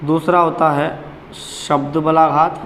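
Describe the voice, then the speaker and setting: A man's voice: fairly high pitch, flat delivery, slow, a bit bright, long reverb tail, a little hiss or hum. A man teaching Hindi grammar at a board, repeating key points and quizzing the class with questions. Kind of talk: blackboard lesson.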